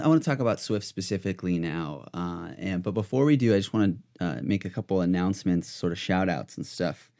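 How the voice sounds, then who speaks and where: A man with a fairly low voice hosts a casual podcast. He rambles and restarts his sentences, padding them with fillers as he goes. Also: gravelly, a little mellow. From United States. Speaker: podcast host.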